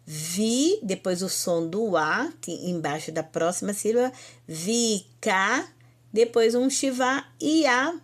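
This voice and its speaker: A woman's voice: mid-range voice, expressive. A woman with a Brazilian Portuguese accent teaching an online Hebrew lesson, explaining patiently and drawing out each example word. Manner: slow, patient explaining, drawn-out example words, frequent "então".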